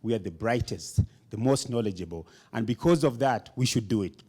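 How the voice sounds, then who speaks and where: Man, motivational speaker, emphatic, call-and-response chanting, mid-pitched voice, conference hall. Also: animated, brisk, mellow. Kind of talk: rousing conference speech.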